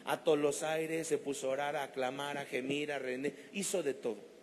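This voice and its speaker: A man's voice: medium pitch, level tone, fairly quick, slight background noise. A man preaching a sermon, telling stories with animation and acting out the voices of the people in them. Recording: long reverb of a church hall.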